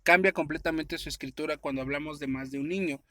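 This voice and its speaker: Man with a bright, dry voice teaching step by step. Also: a little high, fast talker, no echo. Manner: explains step by step, asks and answers his own questions. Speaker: English teacher. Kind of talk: recorded grammar lesson.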